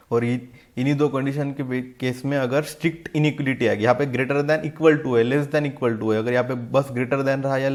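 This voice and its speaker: A man teaching a university maths lesson in Hindi mixed with English, often asking the class rhetorical questions and reading English definitions out slowly. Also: mid-range voice, a little mellow. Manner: asks the class rhetorical questions, says "theek hai" often. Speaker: math lecturer.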